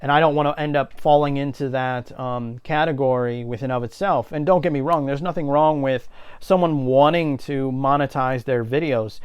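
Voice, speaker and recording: A man's voice: mid-range voice, moderate pace, clean tone. A man giving a casual, unscripted opinion rant, blunt and indignant, swearing often. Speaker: video creator giving commentary.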